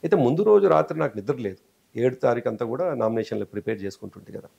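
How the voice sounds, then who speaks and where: A man's voice: mid-range voice, lively intonation, racing, gravelly, a little mellow, breathy edge, muffled recording. A man with a Telangana Telugu accent, an interview guest telling a long story and acting out quoted speech.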